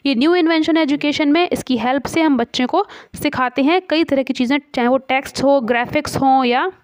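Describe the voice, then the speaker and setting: A woman teaches an exam coaching lesson in a high voice, explaining terms step by step. She slows down to read the definitions. The sound is dry and a little dull. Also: no room sound. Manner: explains step by step, reads English definitions out slowly.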